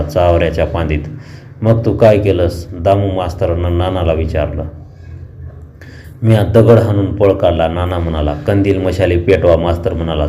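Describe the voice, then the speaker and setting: A male storyteller reads a written tale in a steady, measured voice. His pitch sits very low and his tone is dark and mellow. A faint background hiss runs under the reading. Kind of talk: scripted story narration.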